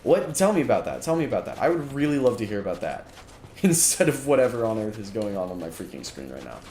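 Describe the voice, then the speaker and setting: A male streamer rants through a live let's-play, exasperated and tripping over restarts. His pitch jumps around a lot, with a roomy echo and a steady noise bed behind him. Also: quick pace. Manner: exasperated ranting, frequent restarts. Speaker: gaming streamer. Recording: echoey room with background noise.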